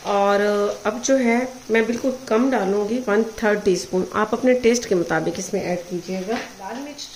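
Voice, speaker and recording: Calm woman teaching a recipe. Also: mid-range voice, normal speed, a little hiss or hum, poor audio. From Pakistan. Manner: calm, methodical, checks in with "ठीक है". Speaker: cooking show host. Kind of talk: step-by-step recipe instruction. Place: home kitchen. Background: frying and stirring sounds.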